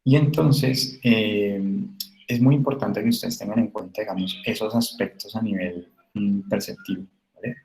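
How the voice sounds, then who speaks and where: A man's voice: lowish voice, steady tone, moderate pace, creaky, a little mellow, soft background music. A man giving a recorded class lecture, explaining patiently with frequent tag questions and fillers. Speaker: university lecturer. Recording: echoey room with faint noise.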